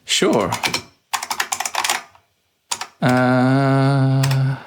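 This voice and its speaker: A man's voice: mid-range voice, monotone, drawn-out words, background noise. A man hosting a let's play, playfully muttering his typed game commands aloud in casual commentary.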